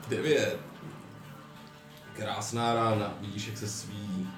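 A man acting as game master, calmly describing the scene and calling for dice rolls in a casual tabletop session. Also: on the low side. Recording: echoey room with background music.

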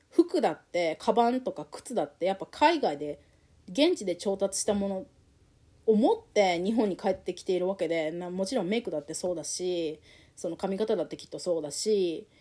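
A woman telling her own story in a candid, emotional and reflective way, with many pauses and fillers. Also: medium pitch, dark tone, slightly rough.

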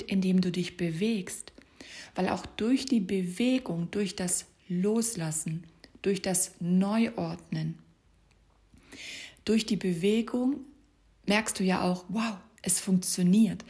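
A woman giving a motivational coaching talk, speaking softly and often in a whisper as she guides the listener with gentle instructions. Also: medium pitch. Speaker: life coach.

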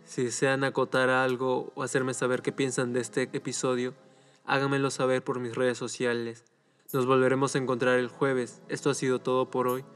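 A man narrating scripted horror as a podcast host, in a measured, ominous horror-host manner. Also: medium pitch, completely flat delivery, a bit bright. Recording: reverberant voice over background music.

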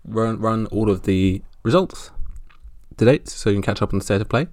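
A man with a gravelly voice hosting a casual sports roundup podcast solo, speaking in a halting, wry way. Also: lowish voice, darkish tone, no echo, clean studio sound. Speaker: podcast host.

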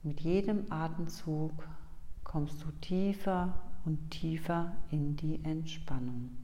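Woman, hypnotic meditation guide, slow soothing phrases, dark soft tone, long pauses, faint noisy ambience behind. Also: low voice, steady tone. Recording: long reverb, faint background noise.

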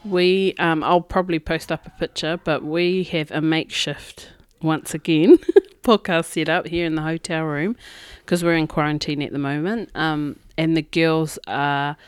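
A woman with a Māori New Zealand accent chats casually as a podcast co-host. Her voice is smooth and clean, in a dry-sounding room. She tells things colloquially, like talk among friends. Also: deep voice, dry recording. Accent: New Zealand Māori English. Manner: colloquial, chatty storytelling. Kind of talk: casual chat. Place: makeshift setup in hotel room.

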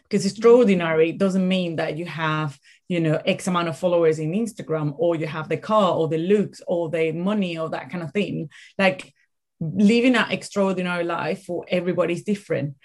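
A woman's voice: on the low side, brisk, darkish tone. A woman from Venezuela with a Venezuelan accent, talking conversationally as an interview guest and telling stories in an emphatic way, often repeating words. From Caracas, Venezuela. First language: Spanish. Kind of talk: conversational storytelling.

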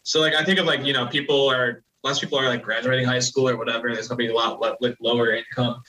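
Excitable young man, bright and off-mic. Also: medium pitch, fast talker, recorded from a distance, low-quality recording. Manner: excitable, swears, laughs often. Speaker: podcast co-host. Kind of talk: casual chat.

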